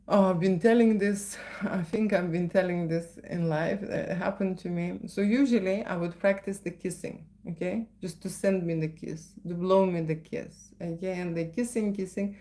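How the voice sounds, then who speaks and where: In a slightly mellow voice on the low side, this middle-aged woman chats during a live question session. She's a photographer with a Lithuanian accent who habitually tags on "okay?" and "right?".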